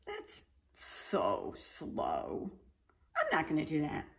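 A woman's voice: deep voice, huge pitch swings, takes it slowly, gravelly, exaggerated voice. A woman voicing a sly, stubborn clever young girl who talks in a cool, unbothered way.

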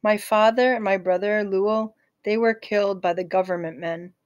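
A woman's voice: medium pitch, steady tone, muffled recording, lightly acted. A woman voicing an earnest refugee boy. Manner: careful halting English.

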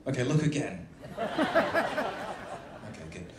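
A man's voice: mid-range voice, very animated, unhurried. A man with dry, teasing humour introducing people as a captain on stage, speaking to an audience. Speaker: ship's captain hosting staff introductions. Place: theatre stage on a cruise ship. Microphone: handheld PA mic, filmed from the seats. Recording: echoey theatre, noisy phone recording from audience.

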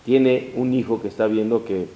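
A man, a rabbi giving a religious lesson in an animated, emphatic way, with Hebrew phrases mixed in. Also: on the low side, moderate pace. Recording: roomy echo.

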